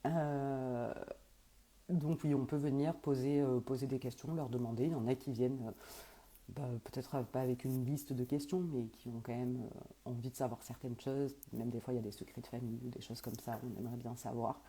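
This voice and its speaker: A woman's voice: rumbling low, fairly even intonation, fairly quick, dark tone, slightly rough. A woman working as a medium who answers viewers' questions in a casual live stream, talking hesitantly with many fillers and restarts.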